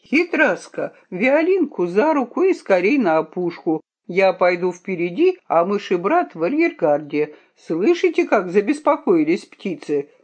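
A woman voicing a brisk corporal giving firm orders, in a dull lo-fi audiobook recording. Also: mid-range voice, big pitch swings, darkish tone, breathy edge. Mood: commanding.

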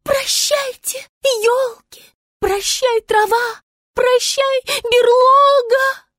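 Woman doing a shrill haughty star. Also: lively intonation, a little slow, dry recording, studio quality. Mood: dramatic. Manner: theatrical, wailing and bossy. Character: dramatic fussy female star, haughty.

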